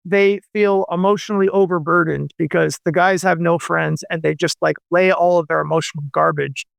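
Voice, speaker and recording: A novelist in his forties guests on a radio show, chatting casually and rambling with many fillers and restarts. His voice is a little high and creaky, brisk, with fairly even intonation and no echo.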